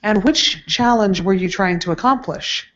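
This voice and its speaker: A woman's voice: medium pitch, moderate pace, a bit bright. A woman teacher questioning a student in front of a group, teasing yet encouraging, with frequent fillers. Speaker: camp teacher. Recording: dull lo-fi recording.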